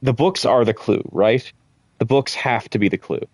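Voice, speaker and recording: A gamer recording a playthrough offers casual commentary, thinking aloud and muttering to himself with the odd swear word. His mid-range voice moves at normal speed with a darkish tone, and there's no room sound.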